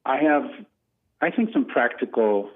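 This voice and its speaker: A man calling in to a radio show on a speakerphone, reading a scripture verse slowly and deliberately. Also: medium pitch, sing-song. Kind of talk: call-in talk, reading scripture aloud. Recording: rough, tinny speakerphone line.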